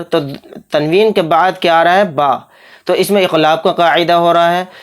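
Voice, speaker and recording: A Quran recitation teacher with a clean, mid-range voice gives a step-by-step lesson. They spell out each syllable slowly, explain every rule in brisk asides, and answer their own questions.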